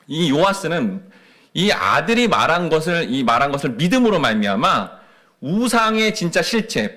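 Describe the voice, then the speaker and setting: Man preaching to his church, fairly high and very lively delivery, keeps asking the room questions. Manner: rhetorical questions to the congregation; animated, rising and falling emphasis. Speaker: pastor. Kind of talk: sermon.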